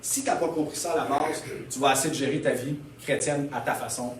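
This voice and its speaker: A man's voice: medium pitch, steady tone, fairly quick, distant mic. Québécois pastor man preaching hard, echoey church room, faint room noise. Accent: Québécois French. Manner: emphatic preaching with frequent "Amen?" calls and laughs. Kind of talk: sermon. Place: church hall.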